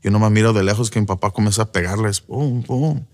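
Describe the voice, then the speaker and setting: A man's voice: fairly low pitch, fairly quick, darkish tone. A man giving an earnest personal testimony as a preacher, slipping in English fillers. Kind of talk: emotional first-person testimony.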